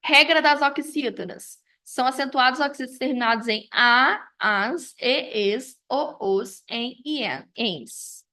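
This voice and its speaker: A woman with a high, bright and forceful voice speaks unhurriedly with few pauses. She reviews grammar like a teacher, explaining as she runs through one example after another and dropping in frequent tag questions such as "né?" and "tá?".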